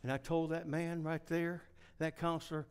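A middle-aged man preaches a revival sermon in a fairly high-pitched voice. He tells homespun stories, sinks to hushed near-whispers, then climbs into loud, shouted peaks. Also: little pitch movement, moderate pace, clean tone. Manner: folksy storytelling preacher.

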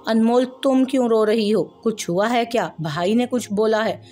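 A woman's voice: on the high side, normal speed, warm tone, soft background music, close to an everyday voice. A woman voicing a frightened young wife in a storybook reading, stammering and pleading.

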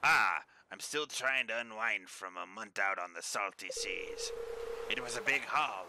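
A man's voice: fairly low pitch, a little slow, gravelly, background noise. A man voicing a jovial, folksy old fisherman with a pirate air, reading out video game dialogue. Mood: hearty, jovial. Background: game music.

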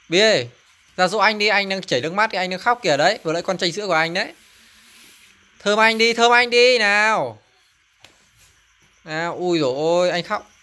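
A woman's voice: on the low side, fairly bright tone. A woman filming her young children at home, coaxing and urging them to share and apologize in a casual family video.

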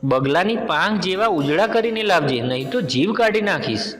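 A man's voice: sits high, lively intonation, normal speed, fairly bright tone, big-room sound, low-quality recording. A man voicing a cruel, scheming sister-in-law who scolds and threatens. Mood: harsh threatening.

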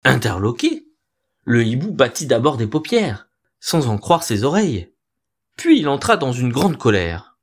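Guy reading a folk tale aloud, really animated, theatrical delivery. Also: medium pitch, a little slow. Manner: expressive, theatrical storytelling. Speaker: storyteller. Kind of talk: scripted storybook narration.

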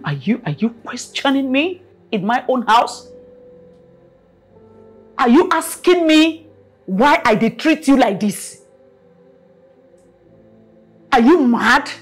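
Scornful mother, middle-aged, high voice, slow scolding, film drama. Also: breathy edge, heavily acted. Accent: Nigerian. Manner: scolding, scornful, repeats herself. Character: stern, scornful mother of a grown son.

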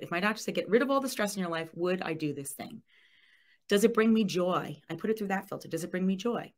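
A middle-aged woman giving a lively webinar presentation, reading out chat comments. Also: mid-range voice. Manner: lively, reads chat comments aloud with laughs.

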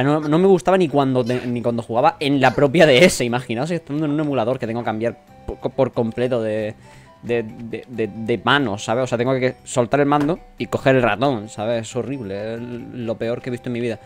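A man's voice: mid-range voice, a little fast. A young man with a Spanish accent from Spain, casually commentating as he plays a video game, swearing often and reading game lines aloud in jokey voices. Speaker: let's play gamer. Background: faint game music.

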